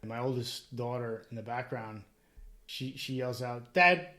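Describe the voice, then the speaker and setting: A man co-hosting a laid-back podcast, chuckling often as he tells family stories. He speaks at a middling pitch and a relaxed, conversational pace. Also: normal speed. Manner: laughs easily, storytelling with acted quotes. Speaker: podcast co-host. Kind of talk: casual chat.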